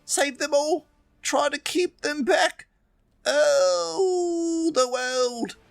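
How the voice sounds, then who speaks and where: A man voicing a dying, wounded civilian in a tabletop game, pleading desperately in halting, tearful gasps. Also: very high-pitched, creaky, no room sound, soft background music, voice pushed up, full character voice. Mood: urgent pleading.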